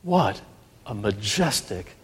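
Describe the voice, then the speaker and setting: A man's voice: on the low side, very animated, slow, slightly rough, big-room sound. A man preaching a Christmas sermon in a church, telling a story earnestly with frequent restarts.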